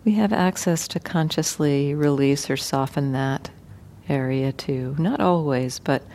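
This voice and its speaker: With a low voice, a woman meditation teacher guides a meditation gently and unhurriedly, pausing often.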